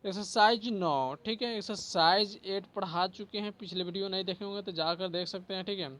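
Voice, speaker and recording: A male teacher giving a slow spelling lesson, repeating each word and often adding "ठीक है". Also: high-pitched, fairly bright tone.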